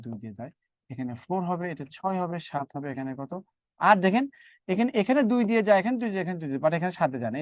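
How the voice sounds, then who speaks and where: A man's voice: a little high, no echo, muffled recording. Casual: male math teacher, bouncy up-and-down voice, keeps asking "how much here?". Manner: repetitive, quizzing students, talking through sums. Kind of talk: live online math lecture.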